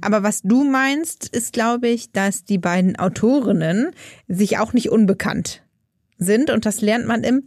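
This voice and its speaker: A woman's voice: on the high side, unhurried, a little mellow, dry recording, clean studio sound. Explanatory woman co-hosting a book chat. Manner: explains plainly and fills in details. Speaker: book podcast co-host. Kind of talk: casual book discussion.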